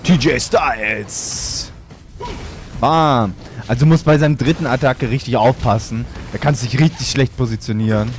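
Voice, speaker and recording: A man's voice: mid-range voice, fairly quick, hardly any pauses, a little mellow, slight background noise. A man giving gameplay commentary as a let's player, with playful, boastful trash talk.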